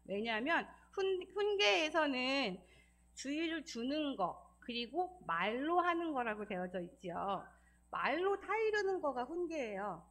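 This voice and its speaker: A woman's voice: high-pitched, sing-song, unhurried, a bit bright. A woman giving a church seminar lecture, explaining step by step, asking the audience questions and acting out parents scolding. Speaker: church lecturer on child abuse.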